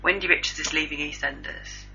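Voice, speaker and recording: Host: woman, lowish voice, bright and husky, gossipy news banter, muffled lo-fi recording. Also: steady tone, a little fast. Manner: chatty, gossipy, self-mocking. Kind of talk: casual news chat.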